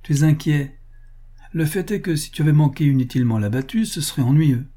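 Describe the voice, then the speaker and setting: A man reading the part of a spirited young countess in an audiobook, in a raised, lively voice. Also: a little high, a little fast, pitched above the performer's own voice.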